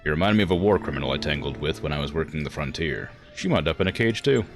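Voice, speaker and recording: A man's voice: extremely low pitch, expressive, fast talker, music in the background, pitched below the performer's own voice. A man voicing a wry, plain-spoken mercenary commander while reading video game dialogue aloud. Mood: unimpressed.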